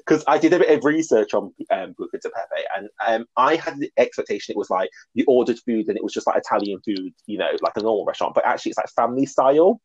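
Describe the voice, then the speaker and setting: A man's voice: on the low side, lively intonation, quick pace, few pauses, husky, highs cut off. A man co-hosting a podcast, chatting about reality TV in a gushing, chatty way. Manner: chatty and gushing, with frequent laughs and fillers. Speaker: podcast co-host. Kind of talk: casual chat about reality TV.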